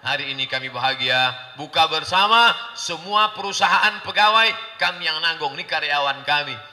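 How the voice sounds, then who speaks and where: A man from Indonesia delivers a humorous sermon with a bright, sharp edge to his voice. He drifts between quiet asides and loud, emphatic lines, playing out small scenes along the way. The sound carries the long reverb of a large hall. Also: fairly high pitch, lively intonation, normal speed. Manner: jokey, acts out characters, swings from hushed to shouting. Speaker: Islamic preacher. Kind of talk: humorous sermon with acted-out dialogue.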